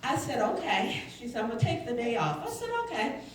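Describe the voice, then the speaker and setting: A woman's voice: fairly high pitch, very animated, brisk, slight background noise. A middle-aged woman telling her personal testimony to a church, acting out the dialogue as she tells it. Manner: storytelling, quoting others in dialogue. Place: church sanctuary. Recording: echoey church hall from far off.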